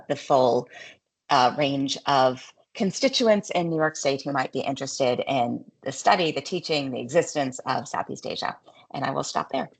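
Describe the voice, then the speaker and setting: A woman speaking in a measured way with some fillers during an online information session over a video call. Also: rumbling low, creaky.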